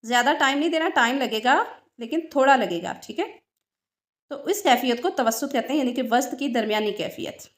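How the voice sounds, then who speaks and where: A woman's voice: high voice, brisk. A woman teaching Quranic pronunciation, patiently drilling sounds and repeating examples with frequent check-ins. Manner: checks in with "ठीक है" often. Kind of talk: tajweed lesson.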